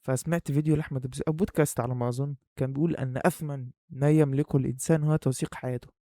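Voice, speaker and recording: Here a young adult man with an Egyptian Arabic accent talks to camera in a relaxed, playful vlog. His mid-range voice stays steady and dark while he races along very fast, muffled and breathing hard behind a face mask. The YouTuber's recording is clean studio sound without room reverb.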